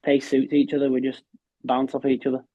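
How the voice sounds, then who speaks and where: Here the Yorkshire darts pro sounds monotone and dark-toned, mid-range and fairly quick, with no room sound. Modest and chatty as a podcast guest, he restarts a lot and swaps "was" for "were," heard through a dry, tinny phone-like line.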